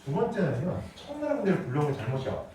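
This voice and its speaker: A man's voice: fairly high pitch, very fast, a little hiss or hum. A man teaching a middle school history class, lecturing and asking his students questions. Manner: lively, asks students questions. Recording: echoey classroom from far off.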